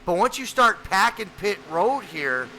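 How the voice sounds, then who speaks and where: A man doing sim racing play-by-play as race commentator, energetic and chatty, with a voice that cracks now and then. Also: high-pitched, measured pace, a little hiss or hum.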